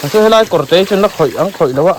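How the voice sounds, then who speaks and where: Mid-pitched voice, casual outdoor chatter, noisy recording, water and sizzling behind. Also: lively intonation, rapid-fire. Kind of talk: casual chat while out in the field.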